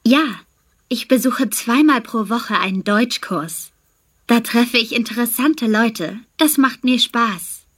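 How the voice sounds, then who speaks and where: A cheerful young au pair talks about her work and plans in a clear, careful and friendly way, as voiced by a woman. She speaks at a natural pitch and pace. The recording is a scripted language-exam dialogue. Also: slow, fairly bright tone. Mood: pleasant. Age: young adult.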